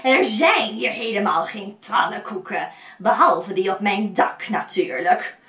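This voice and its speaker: A woman's voice: mid-range voice, a little slow, a bit bright, roomy sound, far from the mic, lightly acted. A young woman voicing a crooked, cruel old witch who speaks with a sly, cackling manner. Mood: gloating. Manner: sweet then sly, cackling.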